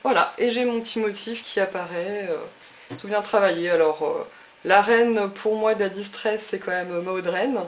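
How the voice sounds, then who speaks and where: A woman's voice: mid-range voice, normal speed, lo-fi sound, a little hiss or hum. A woman hosting a casual craft tutorial, chatting through each step with lots of fillers. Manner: chatty, many fillers and little "hop" cues. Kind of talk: casual demonstration.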